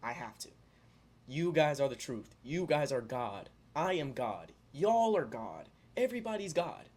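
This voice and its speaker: A man's voice: medium pitch, very animated, a little slow, darkish tone. Rambling young man vlogging. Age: young adult. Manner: rambling, full of fillers and restarts; earnest, spiritual musings addressed to viewers. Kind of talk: casual vlog monologue.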